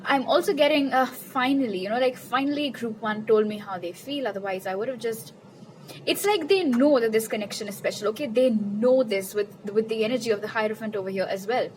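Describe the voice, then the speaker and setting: Tarot reader, woman, slightly high voice, animated and chatty. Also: brisk, slight background noise, low-quality recording. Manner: chatty, animated, repeats questions to Spirit; laughs at her own jokes. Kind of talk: casual pick-a-card tarot reading.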